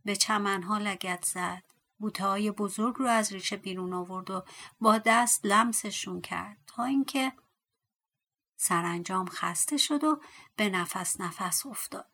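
A woman's voice: medium pitch, pushed and bright. A woman narrating a fairy tale audiobook expressively, dropping to a whisper at tense moments. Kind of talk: storytelling narration.

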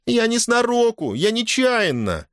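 A man's voice: extremely high pitch, wildly swooping pitch, measured pace, a bit bright, dry recording, studio quality, voice pushed up, exaggerated voice. A man voicing a stubborn young peasant wife who answers back sharply and defiantly.

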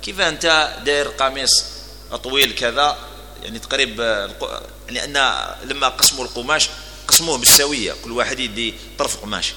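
A man's voice: medium pitch, brisk, bright, forceful tone, long reverb tail, slight background noise. A man with an Algerian accent giving a religious lesson, telling stories and moving between formal Arabic and dialect. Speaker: preacher.

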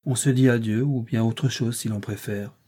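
A man reading an audiobook, voicing a reserved and firm young woman governess in measured, restrained dialogue. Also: medium pitch, steady tone, dark tone, husky, lightly acted.

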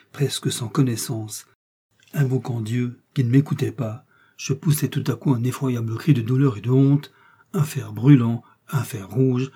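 Cunning seductive noblewoman as a man reads her, theatrical, mellow tone, husky. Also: medium pitch. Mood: anguished. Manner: theatrical, impassioned declaiming. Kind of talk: audiobook character reading.

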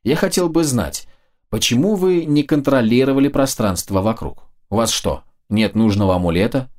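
A man narrating a fantasy audiobook in a steady, measured storytelling manner. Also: mid-range voice.

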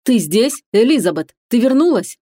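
A woman reading an audiobook, voicing a young man in love, earnest and a little lower than her own voice. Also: normal speed, a little mellow, no echo, clean studio sound, lightly acted. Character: young man, loving, worried fiancé.

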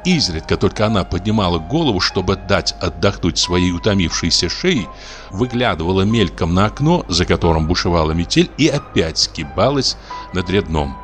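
A man narrating a classic short story for an audiobook, expressive storytelling. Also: sits low, normal speed, faint music behind. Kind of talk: scripted literary narration.

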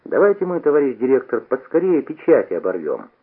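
A man voicing a self-assured, teasing teenage boy who talks fast. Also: mid-range voice, big pitch swings, breathy edge, pitched above the performer's own voice. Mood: eager. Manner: quick, teasing storytelling. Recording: tinny old radio broadcast.

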